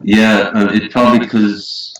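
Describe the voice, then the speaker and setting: A man's voice: lowish voice, flat delivery, a little hiss or hum. Laid-back man, echoey and far off. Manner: laid-back, halting with fillers. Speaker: co-host prankster. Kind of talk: casual call chat. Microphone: webcam mic with speakers. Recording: roomy far-off webcam mic with echo.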